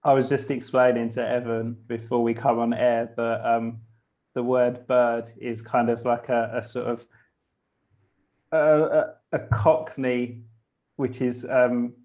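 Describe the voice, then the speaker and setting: A man's voice: medium pitch, little pitch movement, slow, darkish tone. Rambling laughing man podcast co-host. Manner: rambling, laughs between phrases. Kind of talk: casual podcast chat.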